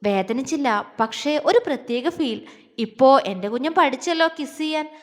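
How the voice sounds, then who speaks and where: Woman doing a lovestruck young man, soft hesitant speech, fairly high voice, long reverb tail. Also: expressive, moderate pace. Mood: tender. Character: tender lovestruck young man, apologetic sweetheart.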